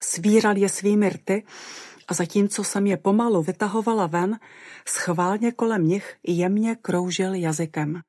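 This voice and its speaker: A woman narrating a first-person audiobook in a lively, expressive way. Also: medium pitch, no room sound, studio quality.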